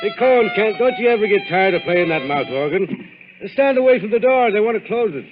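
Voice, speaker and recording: An actor playing a big, gruff, breezy bodyguard in an old radio drama. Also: male voice, sits high, expressive, fairly quick, soft background music. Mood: breezy, bossy. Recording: muffled old radio recording.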